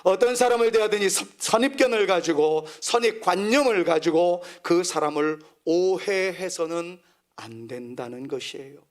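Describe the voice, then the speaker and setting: Man, middle-aged, from Seoul, pastor, sermon, earnest, trailing near whispers, somewhat high pitch. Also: expressive, moderate pace. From Seoul, South Korea. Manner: earnest preaching, drops to a near whisper at phrase ends.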